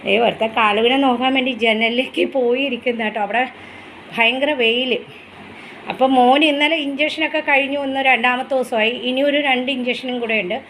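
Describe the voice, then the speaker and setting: A woman's voice: high-pitched, fairly even intonation, brisk, a bit bright, slight background noise, low-quality recording. A woman, chatting tenderly in a casual pet vlog, recorded outdoors at a house. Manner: chatty, tender, often coos to the dogs. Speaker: pet vlogger.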